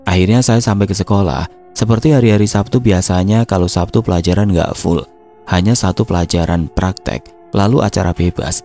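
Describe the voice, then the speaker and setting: A man telling a story in a casual, comic way, full of chatty asides to his listeners. His voice is fairly low, with a dark, mellow tone. Faint music plays underneath. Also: brisk. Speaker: horror story narrator.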